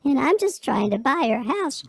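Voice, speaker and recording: A man talking through a high-pitched chipmunk voice changer, playfully role-playing a buyer while demoing studio gear. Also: sing-song, moderate pace, vocal fry, no echo, heavily acted. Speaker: presenter demonstrating studio gear.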